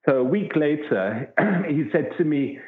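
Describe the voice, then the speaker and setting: A man's voice: a little high, expressive, measured pace. A man, a wildlife researcher, telling an earnest, rambling story as an interview guest. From southern Africa. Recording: tinny phone-like line with echo.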